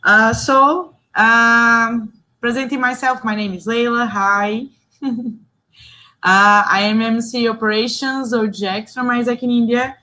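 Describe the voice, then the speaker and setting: A young Brazilian woman with a Brazilian Portuguese accent facilitates an online training session in English, reading chat answers aloud and tossing in short bits of praise. Her fairly high voice is pushed and bright, with a steady tone and a slightly slow pace.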